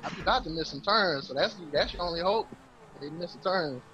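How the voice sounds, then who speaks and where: Man gamer on a stream headset, bright-edged and teasing, faint game noise behind. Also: high-pitched, expressive, fairly quick, lo-fi sound. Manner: teasing, laid-back ribbing. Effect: livestream headset mic audio. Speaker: gamer in party chat. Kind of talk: casual gaming banter.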